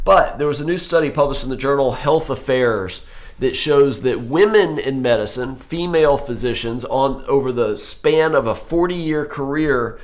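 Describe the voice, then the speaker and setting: Hoarse from a cold, the host of a live health show, a forties-aged orthopedic surgeon, wanders through his points with lots of fillers and self-corrections. His voice sits in the mid range.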